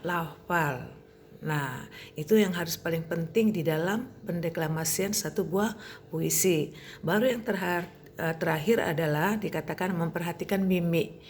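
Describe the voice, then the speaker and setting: A woman teacher from Indonesia gives a recorded lesson in a somewhat low voice. She explains steadily, tagging her points with small fillers. A faint noise runs under the recording. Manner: steady explaining, frequent "nah" and "ya" tags. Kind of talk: recorded lesson for pupils on reciting poetry.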